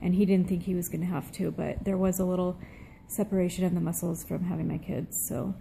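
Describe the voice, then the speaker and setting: A middle-aged woman talks casually into her phone, tired and weak after surgery. Her voice is very soft and mellow, with a flat melody and frequent vocal fry. There is faint room noise. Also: fairly low pitch, a little fast, rough recording. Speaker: vlogger. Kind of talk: casual update to camera. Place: small room at home, seated indoors. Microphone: phone at arm's length.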